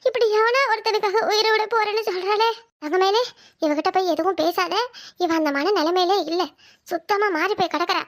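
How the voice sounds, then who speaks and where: High-voiced performer as a frantic wailing sister-in-law. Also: a little fast, fairly bright tone. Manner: wailing, calling on God, talking to herself. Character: anxious young sister-in-law, scheming and frantic. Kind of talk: Tamil family drama voiceover.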